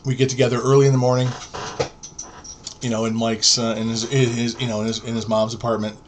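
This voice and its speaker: A man in his forties tells a story on a podcast in a relaxed, chatty way. He acts out each quoted line with bursts of energy. His voice sits at an ordinary middle pitch. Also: fast talker, noisy background. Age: 40s. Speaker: podcast co-host. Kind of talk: casual storytelling chat.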